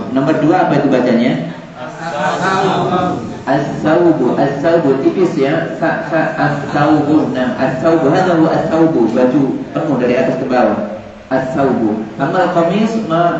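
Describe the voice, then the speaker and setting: In a large, echoey classroom, a man with a mid-range voice teaches Arabic vocabulary at a normal speed, repeating words and joking with his students. The room recording sounds distant and dull, with crowd noise and students audible.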